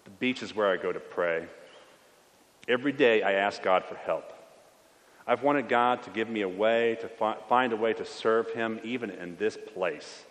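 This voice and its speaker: A man's voice: on the low side, normal speed, lightly acted. A man preaching in character as a young Syrian priest stranded as a refugee, speaking in a wistful, weary first-person voice. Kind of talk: sermon monologue in character. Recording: long church reverb.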